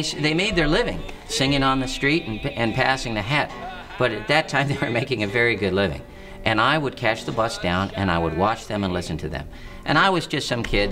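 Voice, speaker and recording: Low-voiced man telling stories haltingly. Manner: halting, with many restarts and fillers. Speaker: harmonica player and singer interviewed. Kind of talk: interview storytelling.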